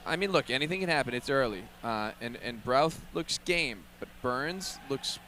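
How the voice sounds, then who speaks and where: Bright-voiced man, casual fight commentary over noise. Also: mid-range voice, animated, normal speed. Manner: chatty, wisecracking, slangy. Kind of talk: casual joking sports commentary.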